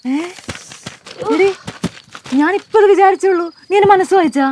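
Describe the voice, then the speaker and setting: A woman's voice: very high voice, normal speed, darkish tone, a little hiss or hum. A woman playing a cheeky young woman who teases her friend, in a comedy sketch. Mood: teasing.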